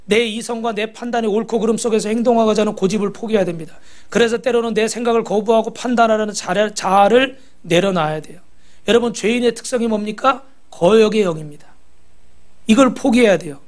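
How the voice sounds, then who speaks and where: A man's voice: high voice, brisk. A pastor preaching a sermon. He exhorts the congregation, asks them rhetorical questions and has them repeat after him.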